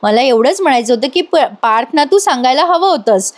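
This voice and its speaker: A woman puts on a caring elder sister who talks softly and patiently. Her voice is high, and she coaxes rather than scolds. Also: expressive, fairly quick. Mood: coaxing.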